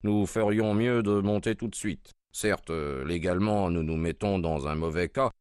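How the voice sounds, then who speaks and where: A man doing a calm, measured detective. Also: sits low, clear, resonant tone, no echo, studio quality.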